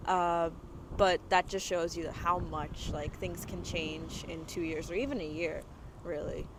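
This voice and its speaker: A woman's voice: lowish voice, steady tone, unhurried, noisy background. A woman in her twenties from Dubai, a guest entrepreneur talking casually in an interview, full of "you know" and "like" fillers. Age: 20s.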